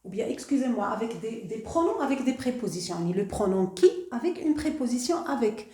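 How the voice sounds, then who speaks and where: Moroccan woman teaching, lively pitch, echoey room. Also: fairly quick. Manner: mixes French with Moroccan Arabic, checks in often with d'accord; hesitant, many fillers and restarts. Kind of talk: grammar lesson for pupils.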